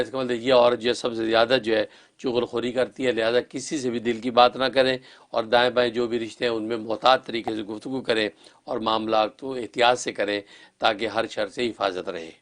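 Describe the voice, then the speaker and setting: A man interpreting callers' dreams on a religious call-in show, calm and advising in a set, formulaic way. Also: medium pitch.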